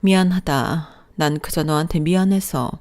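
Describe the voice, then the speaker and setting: A woman reading the part of a frail, gentle elderly mother-in-law who speaks tenderly and apologetically. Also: sits low, moderate pace, natural voice. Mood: apologetic.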